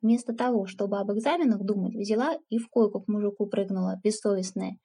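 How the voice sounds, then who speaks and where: Woman reading a blunt older village aunt, scolding, folksy, mellow husky voice, audiobook. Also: medium pitch, steady tone, fast.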